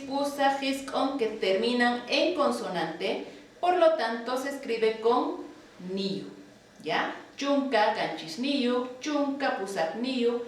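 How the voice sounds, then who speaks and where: A woman teaching a language lesson, drilling numbers slowly and patiently and checking in with her students. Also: high voice. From Bolivia. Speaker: Quechua teacher. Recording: roomy, echoey, distant from the mic with faint ambient noise.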